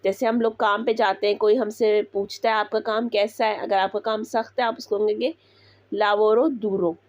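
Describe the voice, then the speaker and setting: A woman teaching Italian words, repeating each one slowly before explaining it. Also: medium pitch, level tone, dry recording. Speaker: language teacher. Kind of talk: slow Italian vocabulary lesson.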